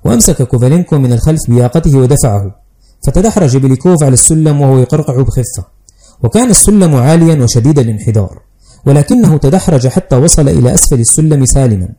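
A man narrating a classic story as an audiobook, in a brisk, even storytelling manner. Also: medium pitch.

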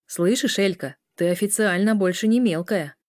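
A woman voicing a bossy older brother who snaps and teases gruffly. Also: medium pitch, moderate pace, no echo, studio quality, close to an everyday voice. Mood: snapping. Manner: snapping, gruff teasing. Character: grumbling young man, bossy older brother.

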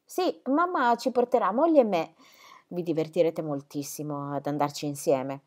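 A woman voicing an earnest, shy young man in an audiobook reading, gentle and polite. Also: low voice, expressive, moderate pace.

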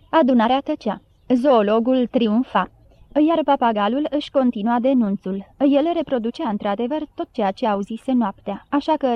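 A woman's voice: a little high, muffled recording. A woman narrating a children's novel as an audiobook, giving the characters light voices of their own. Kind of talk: storybook narration.

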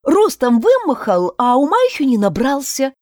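A woman voicing a sharp-tongued small female pet in a storybook reading, speaking quietly and tartly. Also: sits high, very animated, moderate pace, dry recording, studio quality, voice pushed up. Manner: quiet, tart.

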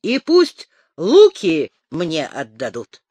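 A reader voicing Barma, a calm, firm, strong man. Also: medium pitch, slow pace, slightly rough, no room sound, pitched below the performer's own voice, heavily acted. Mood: stern. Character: stern strong man, a sailor's mate.

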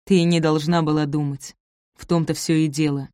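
A woman reading the part of an arrogant, angry young nobleman, loud and domineering. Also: sits low, flat delivery, normal speed, no room sound, studio quality, natural voice.

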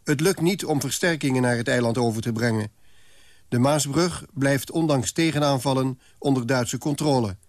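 Guy narrating a documentary, measured and factual, dry booth sound. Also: medium pitch, no room sound.

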